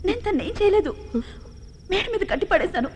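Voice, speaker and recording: A taunting, unstable young lover. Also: female voice, very high voice, big pitch swings, brisk, slight background noise. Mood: tearful. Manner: taunting and volatile. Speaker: heroine in a dubbed film. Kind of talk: film dubbing. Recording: film soundtrack with music score and reverb.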